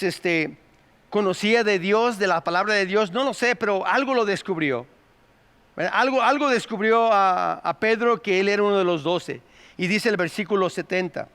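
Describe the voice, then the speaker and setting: A man's voice: sits high, a bit bright. A man with a Mexican accent preaching a sermon, calling his listeners "brother" and asking them rhetorical questions. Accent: Mexican Spanish. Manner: addresses the congregation as "hermano", rhetorical questions. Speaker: pastor. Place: church sanctuary. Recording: long hall reverb.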